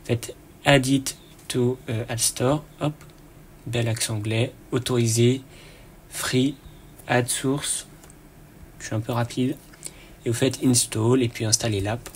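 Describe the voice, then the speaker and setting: A man's voice: mid-range voice, measured pace, pauses often, a little hiss or hum. Chatty man walking through a tutorial. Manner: relaxed, chatty, frequent "euh" and "hop". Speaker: tech tutorial host. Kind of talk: casual screen-recorded tutorial.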